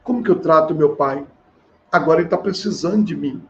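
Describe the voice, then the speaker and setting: High-voiced man giving an earnest seminar. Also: a little fast, darkish tone. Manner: earnest, acts out quoted dialogue. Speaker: family therapist and seminar speaker. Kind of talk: storytelling seminar talk. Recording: slightly dull with faint hiss.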